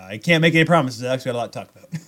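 A man's voice: mid-range voice, racing, a bit bright. A man co-hosting a podcast with casual, rambling, jokey sports banter. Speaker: podcast co-host.

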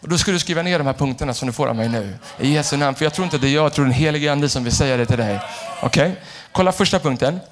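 Lively high-voiced pastor preaching. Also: male voice, background noise. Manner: animated, shifts between shouting and hushed asides. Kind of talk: energetic sermon.

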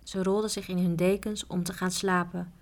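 A woman narrating a children's storybook in a calm, steady reading voice. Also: on the low side, normal speed. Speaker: audiobook narrator.

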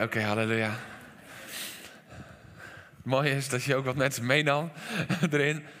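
Bright-voiced Dutch pastor preaching in a hall. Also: male voice, medium pitch. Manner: animated preaching, soft drops to quiet lines, sudden shouts. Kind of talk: sermon. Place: church hall. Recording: long reverb of a church hall.

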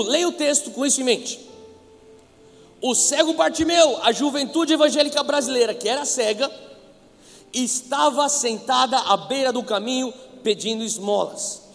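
A man's voice: very high-pitched, long reverb tail. A Brazilian man preaching a passionate sermon as a pastor, calling on listeners to repeat his words. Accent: Brazilian Portuguese.

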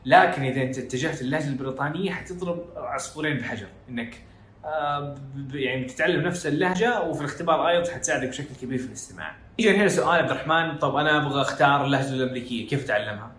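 This Saudi host talks rapid-fire in a mid-range, fairly bright voice, his Hejazi Arabic sprinkled with English phrases. He's from Jeddah and runs a casual educational podcast. The echoey recording carries a little hiss or hum.

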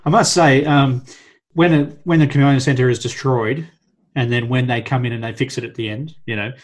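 A man's voice: mid-range voice, fairly even intonation, a little fast, rough recording. A man in his thirties chats about a film with his co-host. He shares trivia with real enthusiasm and chuckles often. His tone is casual and friendly. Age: 30s. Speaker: podcast co-host. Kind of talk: casual film review chat.

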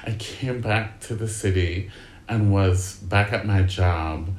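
A middle-aged man, an actor, telling a story from his career in casual talk, with lots of filler likes and lively voices when he acts out what others said. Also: sits low, slow pace, slight background noise. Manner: chatty, many filler likes; animated when acting out quoted people. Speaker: actor guest. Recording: roomy echo.

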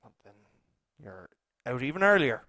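A young man co-hosting a podcast, telling a rambling, animated story with plenty of restarts. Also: mid-range voice, normal speed, no room sound, studio quality. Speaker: podcast co-host. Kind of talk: casual chat.

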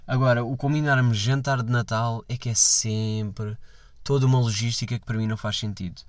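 A young man with a European Portuguese accent talks alone into the mic in a dry, close recording, his voice sitting at an ordinary middle pitch. He rambles casually as a podcast host, self-mocking, with quick asides and playful put-on voices. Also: fairly even intonation, no echo. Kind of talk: casual solo monologue. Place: quiet room at night.

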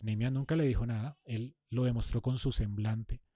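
A man's voice: mid-range voice, steady tone, fairly quick, dark tone, dry recording. A man giving a conversational sermon, acting out sample replies to a spouse. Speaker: preacher. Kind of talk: sermon on marriage communication.

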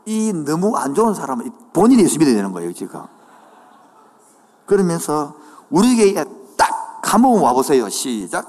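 Male pastor, Gyeongsang accent, high voice with wild swings in pitch, preaching in a reverberant church hall. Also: slightly rough. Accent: Gyeongsang Korean. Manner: animated preaching, dialect asides, builds to shouted declarations. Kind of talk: sermon. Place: church sanctuary.

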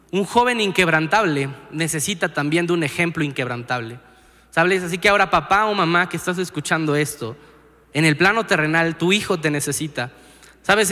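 A young preacher with a high, ringing voice speaks earnestly to his congregation. He keeps turning to the listener with a direct question. His voice carries through a reverberant church hall. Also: pushed and bright. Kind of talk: sermon. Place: church auditorium.

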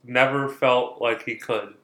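A playful male guest in casual podcast chat, trading crude jokes with a mid-pitched voice. The recording sounds roomy and echoing. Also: steady tone, measured pace, pushed and bright. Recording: roomy room.

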